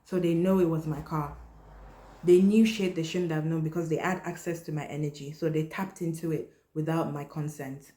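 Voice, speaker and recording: Blunt woman telling a story, lowish voice. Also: steady tone, normal speed, dark tone. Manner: blunt, candid, drops her voice low, swears. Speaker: podcast host. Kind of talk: casual personal storytelling. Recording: roomy echo.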